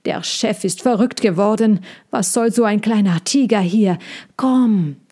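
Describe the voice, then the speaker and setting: A woman's voice: medium pitch, measured pace, warm tone, natural voice. A woman doing an urgent, pleading young circus hand. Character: kind young male circus worker.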